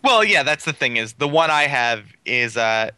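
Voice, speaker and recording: Enthusiastic bright-voiced man chatting about cars. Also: medium pitch, sing-song, normal speed, clean tone, dry recording. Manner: enthusiastic, rambling with fillers. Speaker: car reviewer on a podcast. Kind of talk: casual chat.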